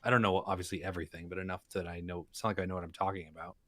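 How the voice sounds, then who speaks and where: Deep voiced guy talking through his moves in a tabletop game, dry close sound. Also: little pitch movement, racing, a bit bright, no room sound. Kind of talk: casual table chat.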